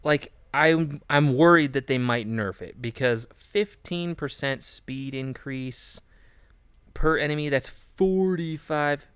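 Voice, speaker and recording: A man's voice: fairly high pitch, takes it slowly, fairly bright tone, smooth, no echo, clean studio sound. A man chatting casually as a gaming streamer, rambling with many fillers and restarts. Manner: laughs easily. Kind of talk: casual game commentary.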